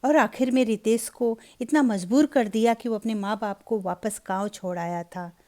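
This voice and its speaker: A woman narrating a Hindi story in an even, measured storybook reading. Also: on the high side.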